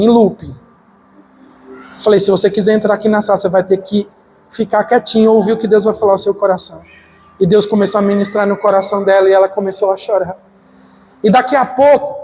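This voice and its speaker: High-voiced pastor preaching. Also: male voice. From Northeast Brazil. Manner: animated storytelling, acting out dialogue. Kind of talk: sermon with personal stories. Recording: church hall with long reverb, faint noise.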